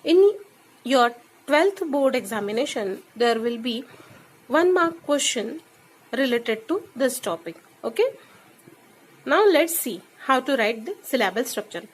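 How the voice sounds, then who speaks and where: A woman's voice: on the high side, big pitch swings, poor audio. A woman teacher giving a classroom lesson, explaining step by step and checking in with repeated "okay?"; she speeds up when she switches into Hindi. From India. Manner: slow and deliberate in English, much quicker when switching to Hindi.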